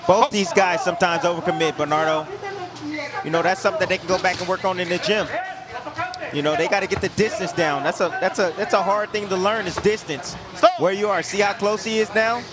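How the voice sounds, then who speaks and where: A man's voice: high voice, steady tone, fairly quick, a loud crowd. A man commenting on boxing as an analyst, conversational, colloquial and blunt, often repeating himself.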